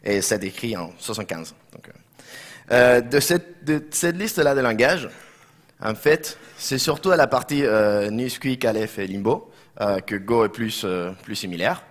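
Presenting at a technical conference indoors, this Spanish-accented developer from Barcelona speaks non-native, slightly broken French in an animated yet measured way. His medium-pitched delivery hesitates often as he keeps rephrasing himself.

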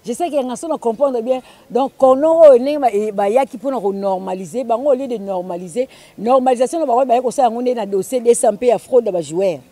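A woman, an interviewer who asks steady questions and gives frequent murmured agreement. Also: a little high, brisk, hardly any pauses, a little hiss or hum.

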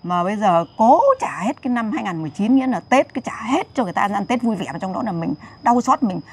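A woman in her sixties telling of her losses in a lamenting voice, then scolding loudly in an emotional real-life interview. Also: mid-range voice, lively intonation, quick pace, slightly rough. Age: 60s.

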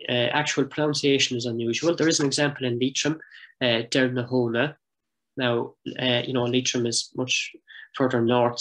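A middle-aged man giving a heritage lecture as a project coordinator, speaking in a measured, explanatory way, slowing down to sound out pronunciations and clearing his throat now and then. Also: mid-range voice, fairly bright tone, low-quality recording.

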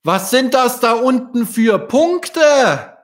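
A man's voice: very animated, slow, heavily acted. A man doing an eager little boy swan. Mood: amazed. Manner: high, breathless childlike wonder. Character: young male cygnet, eager and wondering.

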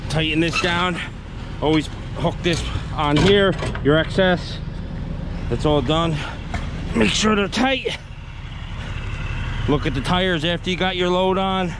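A man's voice: high-pitched, slow pace, long pauses. A man explaining in a practical, plain-spoken way how he chains equipment down, recorded outdoors on an action camera. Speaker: equipment operator explaining tie-down. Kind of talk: casual how-to narration while working. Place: outdoors on a trailer at a job site. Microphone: action camera mounted on the trailer. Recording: loud outdoor noise behind.

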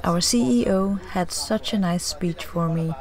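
A woman narrating a sailing vlog in a warm, reflective voice-over. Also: lowish voice, a little slow, crowd noise. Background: music.

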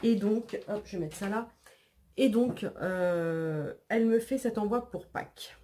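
A woman who hosts a scrapbooking channel unboxes mail in a casual, chatty way, her mid-range voice warm and unhurried. She hesitates and repeats words often, sniffling a little after a sneeze.

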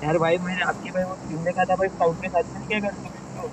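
A man talking over in-game voice chat as an excited fan, eagerly asking for a shoutout. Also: high-pitched, fast, background noise.

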